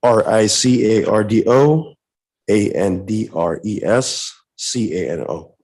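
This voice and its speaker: A man's voice: lowish voice, slow pace, darkish tone. A man in his thirties, a defendant, giving short, formal answers in court. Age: 30s.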